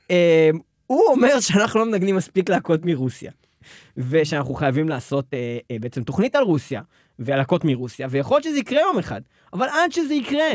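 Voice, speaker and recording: A male radio host talks with a lively, swinging pitch in a dry, close studio sound. He jokes and teases, bouncing words back for laughs. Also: no echo. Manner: playful, teasing, repeats words for laughs. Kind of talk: joking radio banter.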